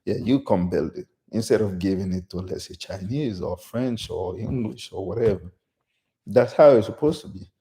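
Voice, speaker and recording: A man's voice: on the low side, normal speed, mellow. A man from Guinea hosting his first casual solo live stream, talking off the cuff with many restarts and "you know". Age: middle-aged. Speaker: channel host.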